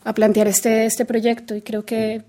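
A woman answers an interview question calmly. Her pitch stays level and steady, and soft fillers fall between her phrases. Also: a little slow. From Colombia. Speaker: guest artist.

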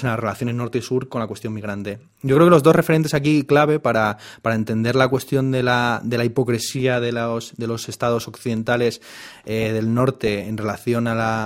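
A man leads an interview in long, winding sentences. His voice sits at an ordinary pitch and he restarts phrases often while he thinks. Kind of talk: thoughtful conversational interview.

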